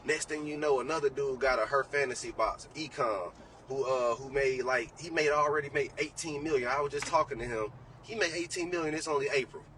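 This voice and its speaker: A man's voice: medium pitch, brisk, a bit bright. Blunt profane young man, mic set back. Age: 20s. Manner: blunt, profane, preachy motivational rant. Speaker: trading educator guest. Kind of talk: casual podcast talk. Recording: distant mic with faint background noise.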